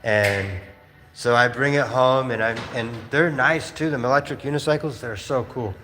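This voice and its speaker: A man's voice: medium pitch, moderate pace. A man telling stories in a casual livestream, rambling and laughing with many fillers. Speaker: streamer. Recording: roomy space with faint noise.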